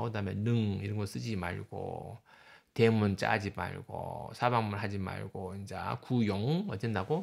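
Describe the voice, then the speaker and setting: Gravelly low-voiced male professor lecturing. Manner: explanatory, points things out on slides with short remarks. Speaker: university professor. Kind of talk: classroom lecture over slides.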